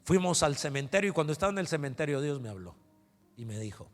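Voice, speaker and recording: A man preaches a storytelling sermon at a conference. His voice sits a bit high and swells toward loud, fervent climaxes. The long reverb of a large hall trails each phrase. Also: very animated, fast talker, soft background music. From Guatemala. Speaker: pastor.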